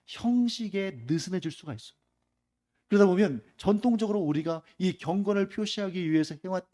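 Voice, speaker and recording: Warm-toned preacher asking rhetorical questions. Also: male voice, high voice. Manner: conversational preaching with frequent rhetorical questions to the congregation. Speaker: pastor. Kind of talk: afternoon Sunday sermon. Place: church sanctuary.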